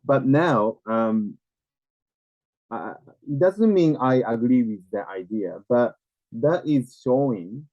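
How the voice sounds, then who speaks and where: A man with a Japanese accent talks reflectively at a very slow pace. He is a non-native speaker who pauses to search for words as he explains things conversationally. The sound is narrow and tinny, like a call. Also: medium pitch, animated. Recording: tinny, narrow phone-like, echoey room.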